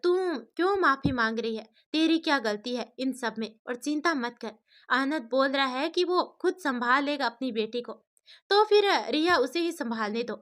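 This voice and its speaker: Woman voicing an older mother, firm and persuading, high voice. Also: lively intonation, normal speed, fairly bright tone. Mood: soothing.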